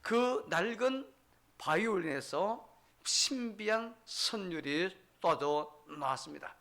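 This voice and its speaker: A man's voice: sits high, a bit bright. A middle-aged man preaching a Sunday sermon, telling stories and putting questions to the congregation that he answers himself. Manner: storytelling with rising emphasis. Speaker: pastor.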